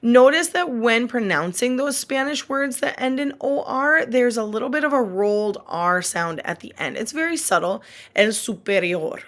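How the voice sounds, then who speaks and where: A woman's voice: on the high side, expressive, normal speed, hardly any pauses, fairly bright tone. A woman who is a Spanish teacher and a mother, speaking in a recorded online lesson and patiently repeating example words. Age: adult.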